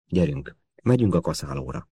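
A man reading the lines of a brisk male intelligence officer who gives clipped orders. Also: very deep voice, sing-song, dark tone, slightly rough, dry recording, clean studio sound, exaggerated voice.

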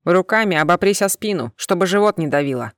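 A brusque tailed alien rescuer barks curt orders in a lowered, growling voice, as a woman reader puts him on. The storybook voice sounds close and dry. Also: expressive, a little fast, dry recording, lightly acted. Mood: brusque commanding. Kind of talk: audiobook character voice.

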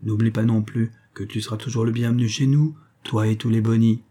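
A man voicing a calm, fatherly castaway leader who speaks in a measured, earnest and kindly way, in an audiobook. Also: on the low side, close to an everyday voice.

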